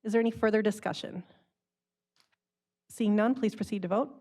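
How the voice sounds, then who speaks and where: A woman chairing a city council meeting, calling motions and votes in a brisk procedural way. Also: mid-range voice, mellow. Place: council chamber.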